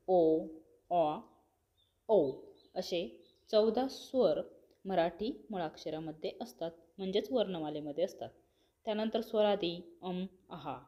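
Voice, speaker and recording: A woman teacher explaining an exam lesson to children, talking to them directly and pronouncing each letter slowly and clearly. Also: on the high side, lo-fi sound. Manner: addresses pupils directly.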